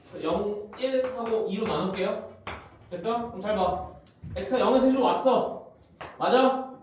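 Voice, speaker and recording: A man teaching math in a classroom, walking through graphs on the board and checking again and again that students follow. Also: sits high. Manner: constantly checks students' understanding, brisk and informal. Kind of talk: classroom lecture. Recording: very echoey room, far from the mic, faint noise.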